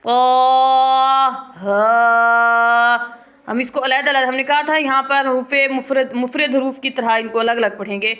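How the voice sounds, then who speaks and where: Female Quran teacher, higher-pitched, patient and repetitive, demonstrates sounds slowly. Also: little pitch movement, fairly bright tone. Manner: patient, repeats points, demonstrates letter sounds slowly and clearly. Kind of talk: tajweed lesson.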